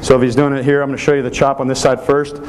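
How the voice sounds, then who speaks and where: Very fast and flat, a man's medium-pitched, darkish voice explains football moves as he demonstrates them at a live clinic in a hotel meeting room. He's in his thirties, and the rough recording has slight background noise.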